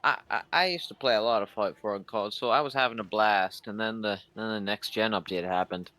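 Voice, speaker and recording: A man's voice: fairly low pitch, brisk, sharp tone, dry recording. A man on a game stream tossing in short quips during casual chat.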